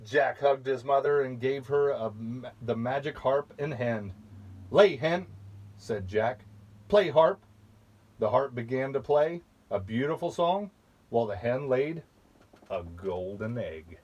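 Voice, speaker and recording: A man reading a fairy tale aloud to children at a very unhurried pace. His voice sits at an ordinary middle pitch, and he stops now and then to chat about the pictures. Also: darkish tone, lo-fi sound. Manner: slow, patient, with asides about the pictures. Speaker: storybook reader.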